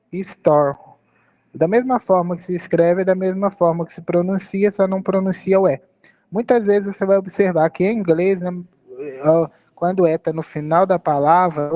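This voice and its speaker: A man's voice: high voice, warm tone, muffled recording. A man with a Brazilian Portuguese accent teaching English phrases, patiently repeating and spelling out words.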